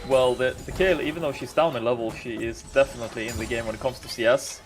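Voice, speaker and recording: A man with a mid-range voice breaks down a live esports match in analytical detail, throwing teasing jabs at his co-casters. Game music plays clearly behind the stream. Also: medium pitch, fairly even intonation, fast.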